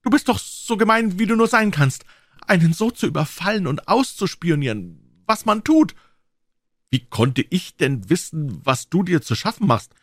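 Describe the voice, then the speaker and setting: A man's voice: very animated, moderate pace, a bit bright, dry recording, clean studio sound, heavily acted. A man voicing a young, hot-tempered schoolgirl who scolds shrilly through sobs. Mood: tearful reproach. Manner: shrill, sobbing reproach.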